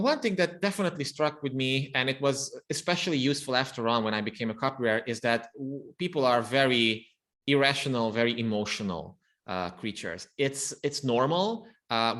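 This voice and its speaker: A man's voice: mid-range voice, brisk, a bit bright. A man from Romania whose first language is Hungarian, a copywriter guest on a podcast interview, who speaks thoughtfully and restarts his phrases often.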